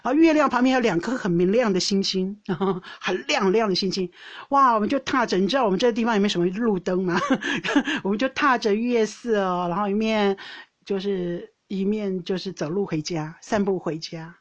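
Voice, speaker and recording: A woman's voice: mid-range voice, brisk. A woman hosting a podcast, telling a personal story in a rambling, casual way with frequent laughs and restarts. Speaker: podcast host; older sister co-hosting with her sister. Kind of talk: casual chat.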